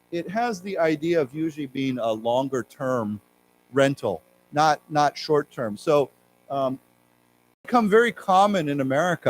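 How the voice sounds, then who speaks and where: A man teaching an English class, who reads news passages aloud slowly, then explains the words and spells them out letter by letter. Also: fairly high pitch, slight background noise, rough recording. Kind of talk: classroom lecture on news vocabulary. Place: library lecture room.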